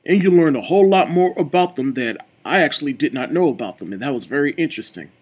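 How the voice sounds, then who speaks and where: A man giving a casual, chatty movie review, with a relaxed delivery full of fillers like "like" and "you know.". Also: a little high, fast, slightly rough. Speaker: film reviewer.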